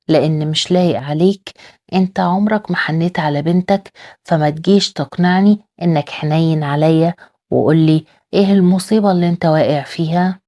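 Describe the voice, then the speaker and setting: A scheming young man speaks with scorn, as a woman narrator reads him. The voice stays low and mellow, with an Egyptian accent. It is delivered in a plain recap style. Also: close to an everyday voice. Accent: Egyptian Arabic.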